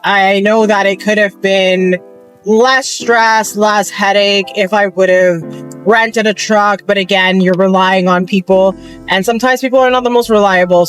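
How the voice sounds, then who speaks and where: Woman vlogger, casual rambling chat, phone camera, at home, soft music under. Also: medium pitch. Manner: chatty, rambling, talks to viewers directly. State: a little out of breath at times. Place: at home in a cluttered bedroom.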